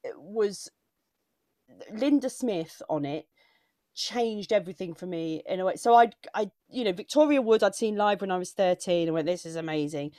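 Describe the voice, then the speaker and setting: A woman's voice: medium pitch, expressive, normal speed, mellow, no echo, studio quality. A woman comedian chatting casually and emotionally, talking in digressive bursts with frequent restarts. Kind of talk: casual chat.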